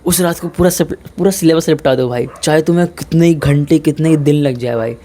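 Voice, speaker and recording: Speaking a little fast in a mellow, fairly high voice, a young male fitness vlogger offers straightforward, casual guidance on gym routines and studies. He's informal, slips English into his speech, and says "bhai" to his listeners again and again.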